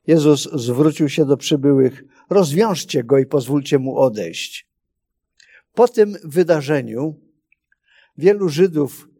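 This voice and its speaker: A male preacher giving a sermon, reading scripture in a slow, measured way with pauses. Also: on the high side, dark tone, husky.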